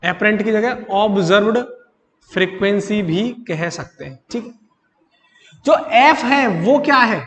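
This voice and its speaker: A male physics teacher with a Hindi accent lecturing his class, repeating key terms as questions and drawing them out slowly. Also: sits high, fairly bright tone. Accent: Hindi-accented English. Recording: echoey classroom, reverberant.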